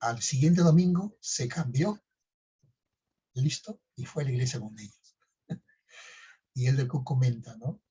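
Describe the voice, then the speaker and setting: Very husky man, conversational storyteller. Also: medium pitch, unhurried, long pauses, mellow, highs cut off. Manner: conversational, tags phrases with "¿no?". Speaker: podcast co-host. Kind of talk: casual storytelling talk.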